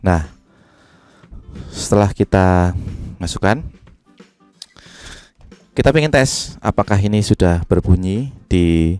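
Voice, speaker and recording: Low, mellow man explaining. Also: slow, pauses often, smooth, faint music behind. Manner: relaxed, step-by-step explaining with fillers. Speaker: music production tutor. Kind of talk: software tutorial. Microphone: studio microphone into a sound card.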